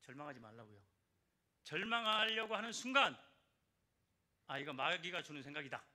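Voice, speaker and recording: A man's voice: a little high, sing-song, moderate pace, sharp tone. An older man, a church elder giving an evangelism testimony and exhorting the congregation with repeated phrases and calls for response.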